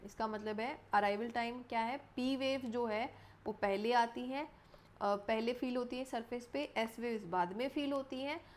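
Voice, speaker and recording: A young woman gives an exam-prep lesson from a room at home, explaining each idea step by step. She poses questions to her students and answers them herself. She stops to correct herself and goes back over the main points. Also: on the high side. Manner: self-correcting, repeats key points. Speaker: teacher.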